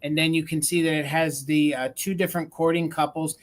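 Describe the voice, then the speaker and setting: A woman's voice: low-pitched, fairly even intonation, fairly quick. A woman with a regional American accent, hosting a live vintage sale, chatting as she describes items and counts down bids. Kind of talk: live auction selling.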